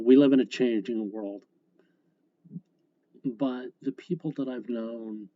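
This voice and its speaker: A comic strip creator hosts a casual solo podcast, rambling and correcting himself as he goes, in a husky, dark-toned voice of medium pitch. The recording has a dull lo-fi sound with faint guitar behind him.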